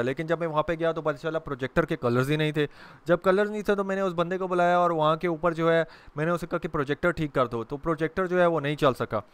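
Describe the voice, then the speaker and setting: A man's voice: on the high side, clean tone. A young adult man from Pakistan giving a training lecture to camera, explaining patiently with English terms mixed into his speech and occasional fillers. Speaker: corporate trainer.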